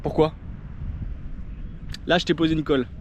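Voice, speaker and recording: A man's voice: a little high, steady tone, normal speed, darkish tone, muffled recording. A man from northern France chatting casually through a travel vlog outdoors, rambling and asking viewers questions. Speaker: travel vlogger. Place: outdoors, ruins and seaside. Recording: noisy outdoor camera audio.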